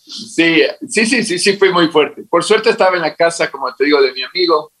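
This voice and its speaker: A man's voice: fairly high pitch, normal speed, breathy edge, poor audio. A man from Ecuador with an Ecuadorian Spanish accent, telling his life story as an interview guest and acting out what people said to him. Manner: animated, acts out quoted dialogue.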